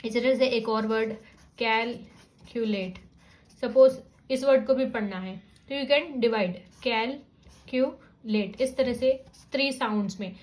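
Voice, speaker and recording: A woman explains how to read words, slowly sounding out syllables and mixing two languages. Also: on the high side, darkish tone. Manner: mixes Hindi and English, sounds out syllables slowly. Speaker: teacher guiding parents. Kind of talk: explanatory lesson.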